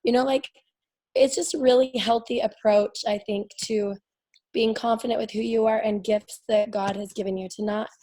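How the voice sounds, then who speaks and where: A woman on a video call speaks with a voice worn thin from losing it. Her pitch barely moves, staying flat and even throughout. She speaks in a casual, appreciative way. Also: normal speed.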